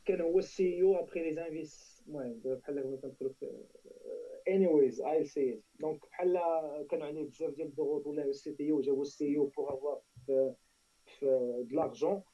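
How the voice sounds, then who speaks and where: Moroccan-accented man, casual tech panelist, very rapid and soft-edged, slightly husky, mixes in French, distant dull mic. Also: a little high, steady tone. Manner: emphatic, repeats phrases, switches into French.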